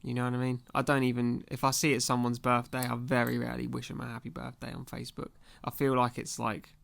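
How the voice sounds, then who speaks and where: A young man hosts his own show in a casual, comedic rant. His voice is gravelly with a rough creak at the bottom, set at an everyday middle pitch. He sounds exasperated and sarcastic and leans heavily on slang. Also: monotone, fast talker, fairly bright tone. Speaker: podcast host.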